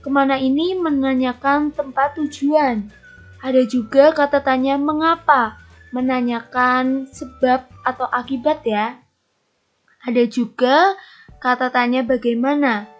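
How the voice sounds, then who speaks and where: High-voiced teacher addressing young children. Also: female voice, steady tone, unhurried. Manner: encouraging, addresses children directly, tag "ya". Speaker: primary school teacher. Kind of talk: online lesson for young children. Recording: lo-fi recording with faint music.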